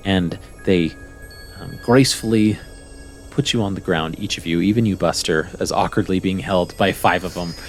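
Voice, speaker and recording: Male tabletop narrator, deepish and deliberate, measured storytelling over light background music. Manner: measured, wondering, pauses between phrases. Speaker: game master. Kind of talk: descriptive tabletop game narration. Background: soft music.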